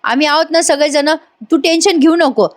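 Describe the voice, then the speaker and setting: A woman's voice: sits high, normal speed, pitched above the performer's own voice, natural voice. Woman voicing a fussy, doting old father-in-law. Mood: consoling. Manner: fussy, scolding then coaxing.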